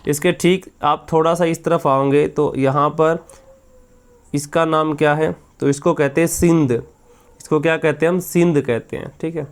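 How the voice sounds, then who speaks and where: Male tutor voice-over, fairly high and resonant, question-and-repeat drilling style. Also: fairly even intonation, measured pace, clean tone. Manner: asks and answers his own questions, repeating drills. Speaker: teacher. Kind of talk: geography lesson over a map.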